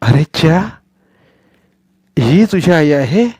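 A cheeky, mischievous little schoolboy, as a male storyteller puts him on. His voice sits raised and eager, quick and sly, in a dry, close audiobook recording. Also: high-pitched, lively intonation, darkish tone, no room sound, pitched above the performer's own voice. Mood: tender.

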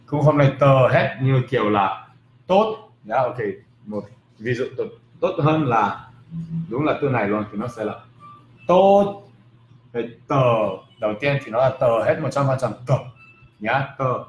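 A man teaching English pronunciation in a casual video lesson, repeating example words slowly and with emphasis. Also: medium pitch. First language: not Vietnamese. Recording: roomy with faint background noise.

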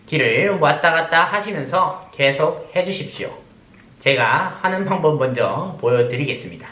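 A man's voice: fairly high pitch, a bit bright, roomy sound. A man teaching an online pronunciation lesson, drilling sounds one syllable at a time and cueing the listener to repeat.

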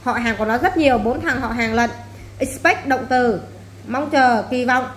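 A woman's voice: a little high, normal speed. Woman teacher drilling vocabulary. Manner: repeats each word, then explains it plainly. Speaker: English teacher. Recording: echoey room, faint background noise.

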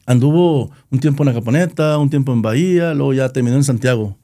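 A middle-aged man with a Nayarit Mexican Spanish accent tells, interview-style, how he founded his band, talking loosely and with slang while repeating and restarting words. His voice is warm, mellow, and medium-pitched, and he speaks fast. The recording is dry and close.

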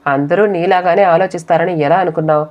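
A woman's voice: fairly low pitch, fairly even intonation, fairly quick, close to an everyday voice. A woman reading the part of a serious, blunt husband, with little change from her own voice. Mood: stern. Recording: dull lo-fi audio.

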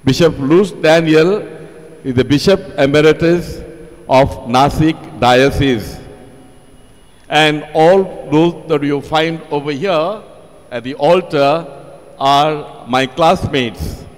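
An older man, a parish priest giving a formal welcome at Mass, speaking slowly and measuredly into a pulpit microphone. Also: on the high side. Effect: speaking at a pulpit microphone over the church speakers. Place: large church. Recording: long church reverb from the sound system.

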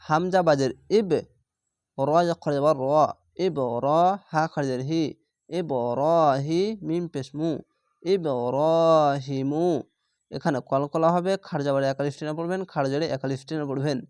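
A man teaching Quran reading, sounding out each letter and syllable slowly and patiently in a step-by-step lesson. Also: fairly high pitch, steady tone, a little mellow, no room sound, clean studio sound. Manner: slow, drawn-out syllable-by-syllable recitation.

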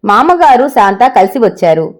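A woman narrating a story in a steady, expressive reading style. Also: fairly high pitch, moderate pace.

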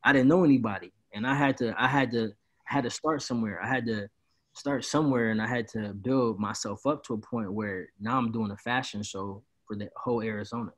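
This party promoter in his twenties, from Peoria, Illinois, chats in a laid-back, rambling manner during a casual video-call interview, frequently calling people "bro." He talks a little fast in a mid-range voice from a small room in his home.

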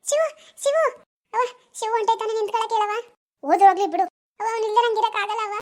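A young woman playing a lovesick village college girl who pleads softly with her mother. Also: rapid-fire. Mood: pleading. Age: young adult. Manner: pleading, high and soft.

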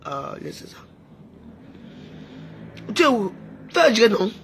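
A woman's voice: a little high, big pitch swings, slow, a little hiss or hum. A woman, delivering a heated, taunting rant to her camera, repeating her jabs. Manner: heated, taunting, repetitive shouting. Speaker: social media personality. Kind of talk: angry insulting rant to camera.

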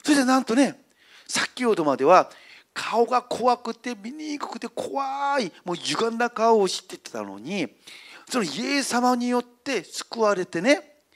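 A man preaching to children as their pastor, telling a story with animated, emphatic delivery and speaking to them directly. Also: very high voice.

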